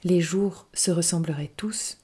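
A woman reading a soft-spoken wise fox. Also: on the low side, unhurried, slightly rough. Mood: tender. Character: wise gentle male fox, patient and wistful. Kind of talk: storybook reading.

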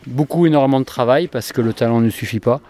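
A man in his forties, a basketball coach, giving measured, explanatory answers in an interview. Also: medium pitch, mellow.

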